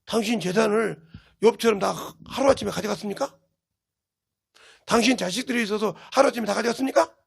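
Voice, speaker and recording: A male pastor preaching a fervent, scolding sermon that often bursts into shouts. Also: high-pitched, a little fast, vocal fry, pauses often, breathy edge. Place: church, livestreamed service.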